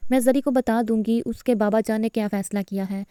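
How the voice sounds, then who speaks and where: Woman reader doing a gentle worried mother in an audio novel, mellow smooth tone. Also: a little high, fairly even intonation, dry recording, studio quality, lightly acted. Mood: soothing. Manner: soothing, anxious. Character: worried middle-aged mother, gentle but helpless.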